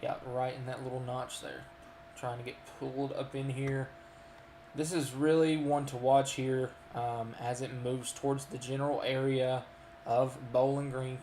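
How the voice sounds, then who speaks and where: A man's voice: mid-range voice, darkish tone, echoey room, a little hiss or hum. A man with a Kentucky accent giving live storm radar commentary, folksy and full of ums and uhs as he lists towns. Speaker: storm chaser and weather streamer.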